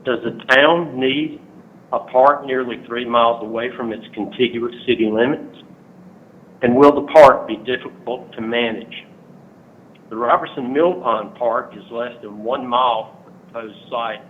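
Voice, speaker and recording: A man's voice: mid-range voice, measured pace. A man calling in over the phone to make an earnest public comment at a hearing, reading from prepared notes with frequent "uh" fillers. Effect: heard over a phone line. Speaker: resident speaking at a public hearing. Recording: tinny phone line with faint noise.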